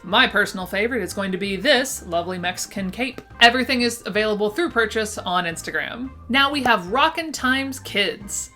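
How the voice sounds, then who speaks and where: Bright-voiced woman with a slight lisp. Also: medium pitch, expressive, moderate pace, few pauses. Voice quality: lisp, slushy s sounds. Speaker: presenter of a vintage shop roundup. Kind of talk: upbeat scripted list narration to camera. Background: background music.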